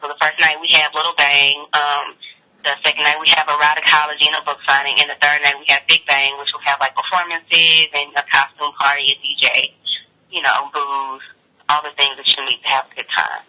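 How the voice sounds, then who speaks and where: A woman's voice: sits low, little pitch movement, a little fast, pushed and bright, rough recording. A woman speaking over the phone in a casual interview, chatting informally as a guest sex educator with frequent filler "like". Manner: informal, peppers speech with "like". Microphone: telephone call.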